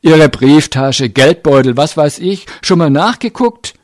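A man's voice: on the high side, expressive, a little slow, no room sound, studio quality, voice pushed up. A man voicing a bored, dismissive police officer who mumbles offhandedly in an audiobook reading.

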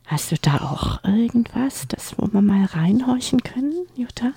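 Slow whispery host, breathy, super dry mic. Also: mid-range voice, very animated, warm tone, no echo. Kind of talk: interview chat.

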